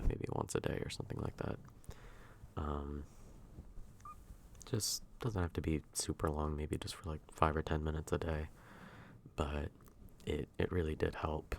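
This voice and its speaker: A man speaking softly and intimately, close in a soft voice, in a drifting, hesitant ASMR ASMR role-play ramble. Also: a bass voice, creaky, slight background noise. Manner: hushed, intimate, near-soft voice at times.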